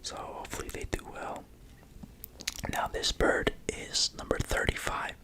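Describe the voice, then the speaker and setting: The voice is a soft, unvoiced whisper from start to end. It narrates in ASMR style, hushed and confiding, as though passing on a secret to the listener. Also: measured pace. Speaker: racing pigeon keeper presenting own birds.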